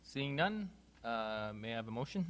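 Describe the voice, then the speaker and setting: A man chairs a council committee meeting, calling motions and votes in a brisk, procedural way. His voice is bright and animated, and a faint room noise sits behind him in the council chamber. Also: medium pitch. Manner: brisk, procedural, chuckles between items.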